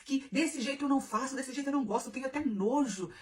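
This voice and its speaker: A woman voicing a rough-mannered farm-working man who scolds and insists firmly. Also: high-pitched, quick pace, natural voice. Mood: insistent. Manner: scolding, firm, complaining.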